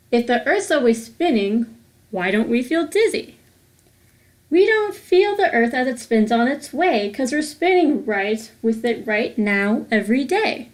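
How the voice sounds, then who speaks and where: A woman who hosts a children's read-aloud series reads a picture book in a high-pitched voice. Her slow, sing-song delivery takes its time, setting out each rhyming phrase deliberately.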